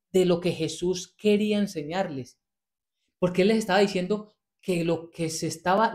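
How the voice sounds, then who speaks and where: A man preaching a sermon on a Bible passage, earnest and emphatic, slowing down to stress key words and repeating pleading prayers. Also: sits high, darkish tone.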